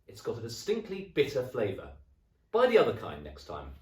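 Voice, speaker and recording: A man voicing a grumpy, mean old bearded husband, speaking gruffly in a roomy recording. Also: medium pitch, huge pitch swings, moderate pace, darkish tone, voice pushed up. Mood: grumbling. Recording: roomy echo, distant mic.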